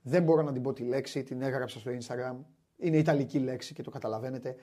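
A man hosting a basketball talk show, chatting animatedly and wryly, often restarting his sentences. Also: mid-range voice. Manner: animated, wry, many restarts. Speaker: sports show host. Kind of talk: casual basketball chat.

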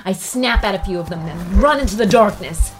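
A woman narrates a horror audio drama in first person as a teenage girl transforming into a raging werewolf, full of fierce, swearing dread. Her mid-range delivery is brisk and lightly acted, set over music.

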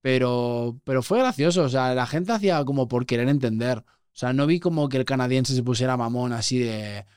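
This man speaks with a smooth, resonant voice. He sits close to the microphone in a dry room, and he tells animated anecdotes as a guest in a casual podcast chat. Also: medium pitch, a little fast, no room sound. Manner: animated storyteller, acts out quoted voices.

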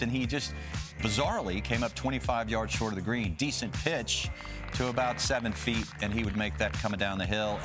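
A male golf commentator with a lowish voice talks through play analytically, measured and emphatic. He leans on key phrases by repeating them, with music running underneath.

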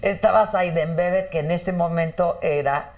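Animated man telling a story. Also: fairly high pitch, normal speed. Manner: animated, acts out quoted dialogue in a raised voice. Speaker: guest. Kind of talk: casual interview storytelling.

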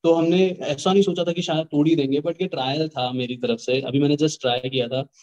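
A man's voice: on the high side, fairly even intonation, brisk, a little mellow, dull audio. A young man, a rapper, talking earnestly and at length in a casual interview, mixing in English phrases. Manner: earnest, rambling, mixes Hindi and English. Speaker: rapper guest.

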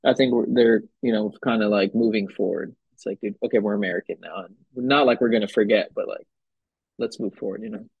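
Young man, from Hawaii, husky voice, dry close sound, casual filler-heavy chat, interview guest. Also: lowish voice, fairly quick, no echo, phone-quality sound. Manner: relaxed, loose, filler-heavy talk. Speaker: guest musician. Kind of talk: casual conversation.

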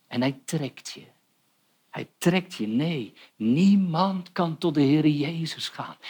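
Earnest man preaching a sermon. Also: fairly high pitch. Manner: earnest, pleading, addresses young people directly.

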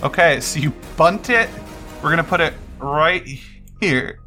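A man's voice: a little high, lively intonation, a little slow, bright, forceful tone, faint music behind. A man acting as game master, casually narrating combat and rulings in a tabletop role-playing game.

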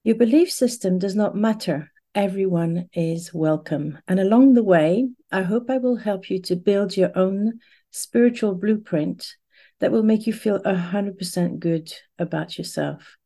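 A woman's voice: medium pitch, a little slow, warm tone. A woman hosts a spirituality podcast in a welcoming way. Her voice sits in an ordinary middle range. She stumbles now and then as she introduces her guest. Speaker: podcast host. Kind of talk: podcast interview.

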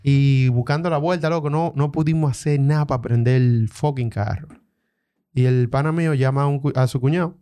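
A man's voice: medium pitch, brisk, warm tone, clear, resonant tone. A young man with a Dominican accent casually telling a story to friends, full of street slang.

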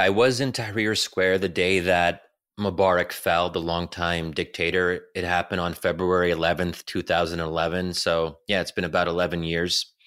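A man from the United States, a guest author, giving thoughtful, measured answers in an interview. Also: low-pitched, a bit bright, smooth.

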